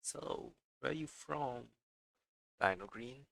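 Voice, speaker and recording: A young man livestreams a video game, chatting casually and animatedly while reacting to gameplay over game music. His medium-pitched voice is slow and gravelly, with no echo.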